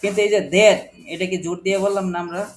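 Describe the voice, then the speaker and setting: A man's voice: high voice, level tone, racing, background noise. A man with a Bangladeshi accent teaching a phonics lesson to a class, spelling words letter by letter and asking his students questions. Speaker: English teacher.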